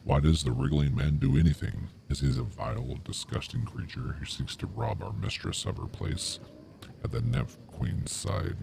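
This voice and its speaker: A man voicing a huge, ancient talking tree from a fantasy game, grim and mournful, with slow, solemn, creaky speech. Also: deep voice, lively intonation, background noise, heavily acted. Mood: contemptuous. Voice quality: creaky, gravelly growl. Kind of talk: video game role-play read aloud. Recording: music behind the voice.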